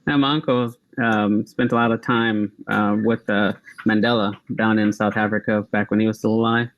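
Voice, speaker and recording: A man's voice: fairly low pitch, little pitch movement, normal speed, no echo, lo-fi sound. Friendly, chatty male panel moderator. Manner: friendly, chatty, laughs easily.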